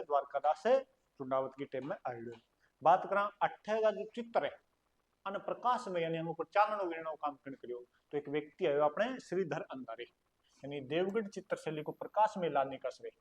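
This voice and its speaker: Somewhat high Rajasthani man drilling a lesson. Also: muffled recording. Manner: drills points by repeating and quizzing students; folksy dialect asides and jokes. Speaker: teacher. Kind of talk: online exam-prep lecture.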